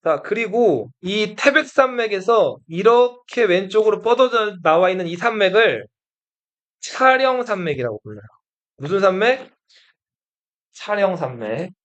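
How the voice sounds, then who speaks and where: A man's voice: sits high, big pitch swings, moderate pace, a bit bright. A male history teacher lecturing a class, often asking the students questions and repeating their answers.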